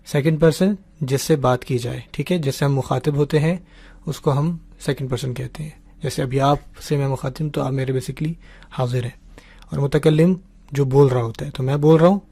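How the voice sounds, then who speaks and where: A man's voice: medium pitch, a little mellow, no echo. A man teaching Arabic grammar in an online class, patiently explaining and leading students through repeated drills while he writes on a board.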